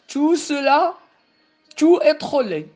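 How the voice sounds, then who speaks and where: A woman's voice: high voice, very animated, darkish tone, faint music behind, voice pushed up, heavily acted. A woman reading a frightened young condemned girl. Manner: slow, careful reading aloud.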